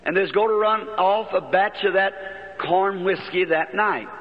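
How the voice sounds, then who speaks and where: A man preaching in a high, homespun voice, full of rural turns of phrase. The old archival recording sounds dull and lo-fi. Long reverb from a large hall trails behind his words. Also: measured pace. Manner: folksy, plain-spoken storytelling with rural turns of phrase. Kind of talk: sermon storytelling.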